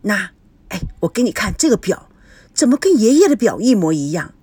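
A woman's voice: medium pitch, big pitch swings, fairly quick, warm tone, breathy edge, dry recording. A woman voicing a playful young man talking to his girlfriend. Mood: puzzled.

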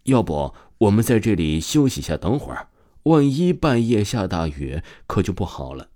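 A man reading the lines of an excited teenage boy who stammers when flustered in a storybook tale. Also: lowish voice, moderate pace. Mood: eager.

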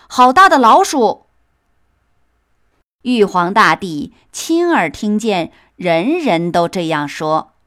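Slow, expressive woman storyteller. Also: on the low side. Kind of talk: children's story reading.

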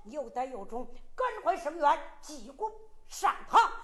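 A woman's voice: sits high, sing-song, unhurried, a bit bright, heavily acted. A woman with a Henan accent voicing a blunt, hot-tempered middle-aged boatman who scolds and urges hard. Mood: scolding. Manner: scolding, emphatic.

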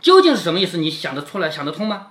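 A man's voice: sits high, wildly swooping pitch, very fast, fairly bright tone. A man reading a classic novel aloud to his daughter and explaining it, often asking "isn't it?". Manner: keeps asking rhetorical "isn't it?".

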